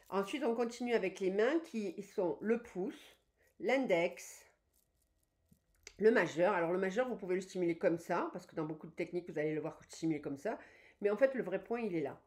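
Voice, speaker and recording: A woman's voice: mid-range voice, darkish tone. A woman teaching an EFT tapping routine on her channel, naming each point and repeating phrases as she demonstrates. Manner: explains step by step, counts and repeats phrases while demonstrating.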